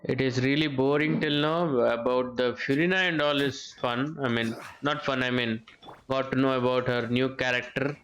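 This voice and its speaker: A man's voice: mid-range voice, steady tone, moderate pace, fairly bright tone, a little hiss or hum. Rambling man streaming a game. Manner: casual, rambling reactions. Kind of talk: live gameplay commentary.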